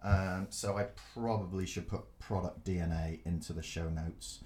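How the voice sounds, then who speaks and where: Guy on a podcast, lowish voice, tells stories, does little voices, swears and laughs a lot. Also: moderate pace, a little hiss or hum. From Glasgow, Scotland. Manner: animated, acts out quotes, laughs often, swears. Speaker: podcast co-host and design teacher. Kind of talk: casual storytelling chat.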